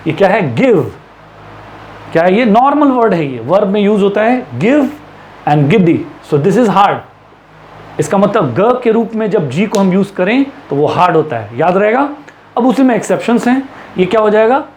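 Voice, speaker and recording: A man teaching English pronunciation in a classroom-style lesson, with an Indian English accent, asking rhetorical questions and drawing out the example words slowly. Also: high voice, very animated, darkish tone, slight background noise. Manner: slow drawn-out English examples, brisk Hindi explanations, lots of rhetorical questions.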